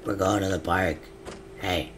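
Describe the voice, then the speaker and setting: Man, game host, low voice, lively, slow, joking outbursts. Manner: loud, laughing, joking outbursts. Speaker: gamer host. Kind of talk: game role-play commentary.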